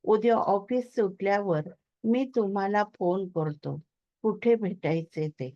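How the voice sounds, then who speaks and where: A woman's voice: mid-range voice, measured pace, dark tone, no room sound, dull audio, lightly acted. A woman reading the part of a troubled young husband who speaks in a subdued, hesitant way.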